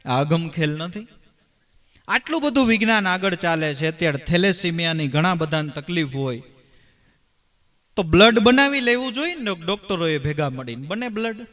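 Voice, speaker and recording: A man preaching a devotional discourse in a slightly raised voice. He tells it with animation, pushing his voice up for emphasis and then letting it fall quiet, and keeps asking rhetorical questions. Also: high-pitched, moderate pace. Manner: animated storytelling, raising and dropping his voice for emphasis. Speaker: devotional preacher and bhajan singer.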